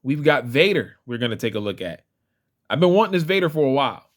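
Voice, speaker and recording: A man's voice: mid-range voice, big pitch swings, quick pace. A man vlogging a casual toy figure review, chatty and rambling, often restarting his sentences. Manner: chatty, rambling, self-correcting.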